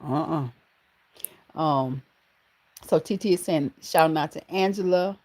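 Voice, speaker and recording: Her voice is deep and a little slow: a Georgia woman with a Southern accent running a casual livestream. She greets people by name, calls them baby and honey, and is warm and full of lively exclamations.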